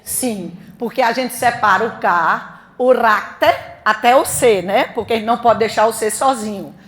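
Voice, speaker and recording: A woman with a Brazilian Portuguese accent leads a grammar lesson for exam candidates. Her voice sits a little high, and she talks quickly. She keeps throwing questions at the class and answering them herself. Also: a bit bright. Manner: fast-talking, quizzes the class with questions and answers. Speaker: grammar teacher for exam prep.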